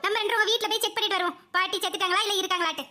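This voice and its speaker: A woman's voice: very high voice, fairly even intonation, very fast, very noisy. A woman voicing a stern schoolteacher in a comedy cartoon, skeptical and questioning, giving firm orders.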